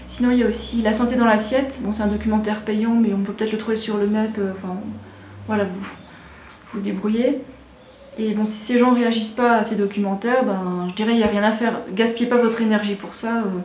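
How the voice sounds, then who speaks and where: A woman's voice: medium pitch, a little mellow, a little hiss or hum. Casual French woman in an echoey room. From Alsace, France. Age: 30s. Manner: rambling and frank, with frequent fillers and restarts. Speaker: vlogger answering viewer questions. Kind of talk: casual chat.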